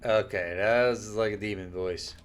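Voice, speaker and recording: A man casually commenting on a horror game while he plays, relaxed and musing. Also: fairly low pitch, moderate pace. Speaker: gameplay commentator. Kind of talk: casual let's play commentary.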